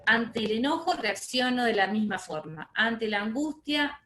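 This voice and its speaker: A woman giving an online training lecture. She speaks in a measured way, repeats key words and checks in with her listeners. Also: a little high, expressive, fairly bright tone. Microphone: video call. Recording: roomy echo on a video call.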